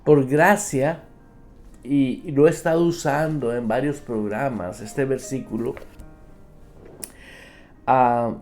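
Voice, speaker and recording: Slow, emphatic preaching pastor. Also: male voice, mid-range voice, a little mellow, faint music behind. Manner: emphatic preaching, acts out believers' complaints; addresses listeners directly as brother. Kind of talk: radio sermon.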